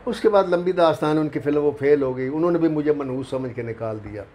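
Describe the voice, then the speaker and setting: An older man from Pakistan with a Punjabi accent. He is a film writer being interviewed, and he tells anecdotes in a lively way, acting out the people he quotes. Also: fairly high pitch, fast, a little hiss or hum. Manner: animated, acts out the people he quotes. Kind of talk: anecdotal storytelling.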